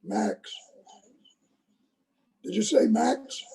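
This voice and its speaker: A hoarse man with a rough, gravelly voice, patiently leading a youth troop meeting over a video call from a tablet. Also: high voice, very slow, warm tone, poor audio. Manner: patient, instructive, checks that he is understood. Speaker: scout troop leader.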